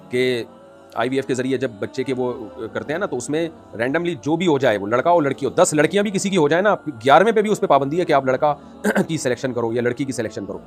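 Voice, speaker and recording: A man as an Islamic scholar answering audience questions in an emphatic, scolding way that rises into forceful outbursts. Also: mid-range voice. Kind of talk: religious question-and-answer talk.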